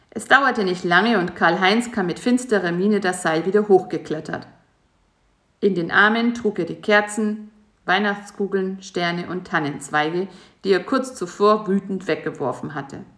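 A woman narrating a children's storybook in a calm, even reading voice. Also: lowish voice. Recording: echoey room.

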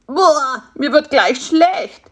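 A squeaky, whiny little fly , as a woman puts him on, caught in a web and always hungry. His voice jumps high and all over the place, with a gravelly edge at the bottom. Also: animated, moderate pace, fairly bright tone, full character voice. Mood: complaining.

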